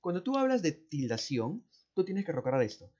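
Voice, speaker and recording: A man with a Peruvian accent walks through exam answers like a patient teacher, going slowly and repeating key words. His voice sits a bit high for a man. The recording sounds dull and muffled. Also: very animated, darkish tone. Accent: Peruvian Spanish. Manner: slow, repeats words, asks "¿no?" and "¿cierto?" often. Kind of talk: explaining exam answers step by step.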